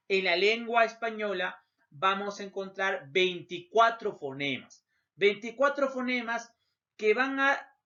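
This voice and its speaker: A man's voice: high-pitched, pushed and bright. A man teaching a recorded lesson over slides, emphatic, repeating key terms and letting his phrases drop off at the end. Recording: dull lo-fi recording.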